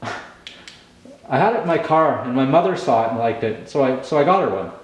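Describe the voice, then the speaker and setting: Forties guy, casual tool-vlog host, mumbles through gum, lots of ums, mid-pitched, very echoey room. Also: animated, normal speed. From Canada. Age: 40s. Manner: rambling, lots of ums and restarts. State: chewing gum, slightly mumbled. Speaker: channel host.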